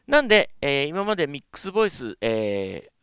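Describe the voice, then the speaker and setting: A man's voice: on the high side, very animated, fairly quick, heavy background noise. A man teaching as a vocal coach, explaining politely with many filler sounds. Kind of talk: instructional lesson.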